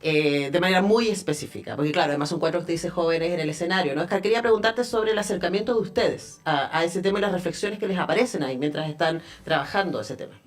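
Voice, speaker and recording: A woman's voice: lowish voice, fast talker, hardly any pauses. A woman with a Chilean accent hosting a radio interview in a studio, speaking conversationally and thinking aloud with small fillers. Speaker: radio host.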